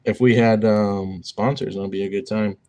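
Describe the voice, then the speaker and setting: A young man co-hosting a casual sports podcast, joking and filling pauses with lots of ums. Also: on the low side, steady tone, dark tone. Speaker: podcast co-host.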